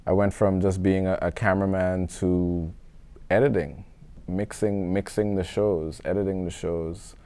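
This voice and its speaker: A man's voice: sits low, little pitch movement, a little slow, warm tone. A young man from Guyana, a film student speaking earnestly and reflectively in a documentary interview. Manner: earnest, reflective, casual with many "like" fillers.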